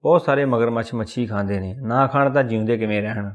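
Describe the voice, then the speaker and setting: A man's voice: mid-range voice, fast, natural voice. A man voicing a deaf, doddering old male office clerk who keeps mishearing and asking again. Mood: confused. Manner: confused, mishears and asks again.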